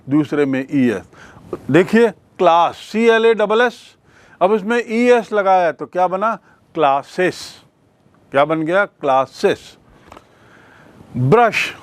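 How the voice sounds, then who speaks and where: Slow, patient Hindi-accented male teacher. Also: high voice, dry recording. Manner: patient, repeats key words as questions to the class. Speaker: English grammar teacher. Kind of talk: classroom lesson explaining rules.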